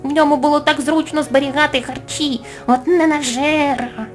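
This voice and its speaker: A woman's voice: high-pitched, steady tone, moderate pace, pitched above the performer's own voice, natural voice. A woman voicing a grumpy, greedy male forest gnome who grumbles and complains in a storybook tale. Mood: shrill, alarmed. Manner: grumbling, indignant. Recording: soft music underneath.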